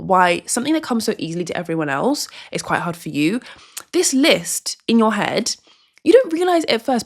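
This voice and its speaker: Brief: young woman, vlog host, earnest and chatty, pitch bouncing all over. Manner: earnest, chatty, many restarts and likes. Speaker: video host. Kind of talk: casual vlog talk to camera.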